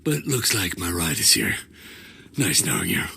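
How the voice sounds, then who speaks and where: A man's voice: low voice, wildly swooping pitch, normal speed, vocal fry, pushed and bright, breathy edge, full character voice. An actor playing a laid-back, sarcastic male agent with dry wit.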